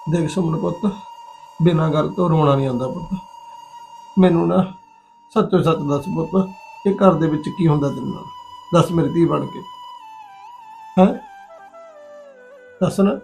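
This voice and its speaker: An actor playing a worried older village father who pleads gently with his daughter, speaking Punjabi with a local accent. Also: fairly high pitch, unhurried, gravelly, pauses often. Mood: pleading. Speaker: father-in-law, father of the bride. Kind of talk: short film drama acting. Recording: roomy sound with soft music behind.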